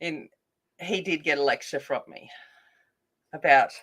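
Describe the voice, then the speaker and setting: Her voice low-pitched, unhurried and fairly bright, a coloring channel host rambles casually to live viewers as she colors, using many fillers. The recording is rough with slight background noise, and she claims her voice isn't soothing.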